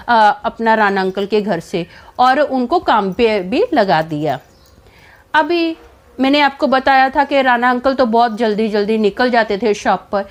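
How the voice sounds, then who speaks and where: A woman telling a personal story in a casual vlog, animated and dramatic, with many fillers. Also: fairly high pitch.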